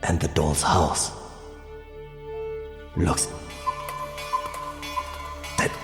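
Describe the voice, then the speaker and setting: An actor playing a haunted man who gravely recounts his family's murder in detached, slow narration. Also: rumbling low, flat delivery, full character voice. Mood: grim. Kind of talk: dramatic narration. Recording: reverberant hall with loud music.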